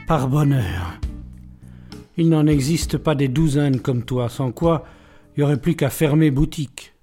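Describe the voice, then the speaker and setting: A man's voice: on the high side, a little slow, warm tone, soft background music, natural voice. A man voicing an old police inspector who speaks bluntly, skeptically and with irony in an audiobook.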